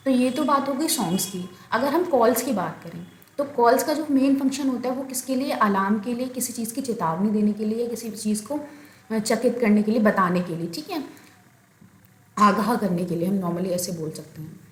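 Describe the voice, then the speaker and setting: Woman teaching a bio lesson, highish voice, step by step, roomy sound. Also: normal speed. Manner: explains step by step, frequent filler checks. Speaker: biology teacher. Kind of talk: recorded lecture. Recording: echoey room, faint ambience.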